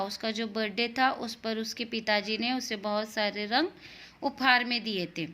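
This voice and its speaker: Patient woman teacher for young children, slow and clear, bright and a bit high. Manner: slow, patient, spells out syllables and glosses words in English. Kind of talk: first-grade Hindi lesson.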